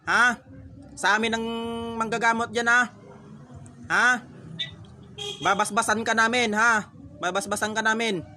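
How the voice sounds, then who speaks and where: A man's voice: high-pitched, steady tone, measured pace, long pauses. A man, a folk healer, confronting a spirit in a ritual, pressing it with short, repeated demanding questions. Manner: forceful, repetitive questioning.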